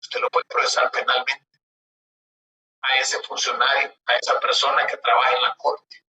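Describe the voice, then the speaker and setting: A man's voice: medium pitch, flat delivery, normal speed, crowd noise. A man lecturing on law, reading legal articles aloud and explaining them in a conversational way, often asking rhetorical questions. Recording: roomy, distant mic with background noise.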